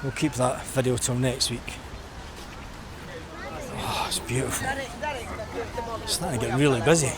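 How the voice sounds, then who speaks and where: A middle-aged man from Scotland walks a busy seafront while vlogging, musing casually and conversationally. His mid-range voice is unhurried and he pauses often, with a crowd, traffic and street noise in the background.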